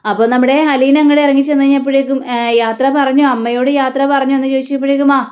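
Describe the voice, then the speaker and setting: A woman's voice: high-pitched, flat delivery, racing, darkish tone, dull audio. A woman recapping a TV serial episode, retelling the characters' dialogue in her own voice. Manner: retells dialogue in quotes without changing voice much. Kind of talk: storytelling recap of a TV serial, voicing the lines.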